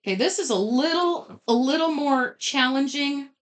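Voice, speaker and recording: A woman giving step-by-step advice in a conversational interview, talking quickly and in detail. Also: high-pitched, animated. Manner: brisk, explains step by step, talks fast. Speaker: guest expert on publishing scams.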